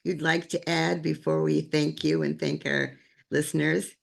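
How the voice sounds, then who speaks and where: A woman's voice: low voice, little pitch movement, unhurried, vocal fry. A woman podcast host politely moderating an interview in a formal tone. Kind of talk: interview wrap-up.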